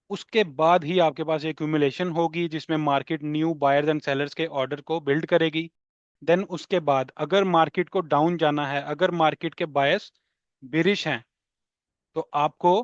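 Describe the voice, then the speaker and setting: A man walks through trading charts in a fairly high voice, repeating key points and checking that his listeners follow. The recording is dry and a little dull, with no room sound. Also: no room sound. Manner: explanatory, repeats key points, mixes English terms, checks in with "theek hai". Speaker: trading instructor. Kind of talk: explaining charts in a lesson.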